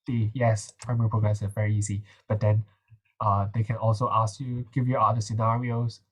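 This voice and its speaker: A man's voice: fairly low pitch, flat delivery, a little fast. A young man with a nasal voice, casually running a revision session and talking through quiz answers with plenty of fillers and restarts. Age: young adult. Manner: chatty, hesitant, many fillers. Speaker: medical student tutor.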